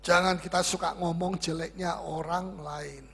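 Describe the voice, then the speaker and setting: A man's voice: sits high, fairly even intonation, measured pace, vocal fry, fairly bright tone, husky. A pastor leading a Bible study sermon. He speaks emphatically, repeats key words and answers his own questions, with touches of humor.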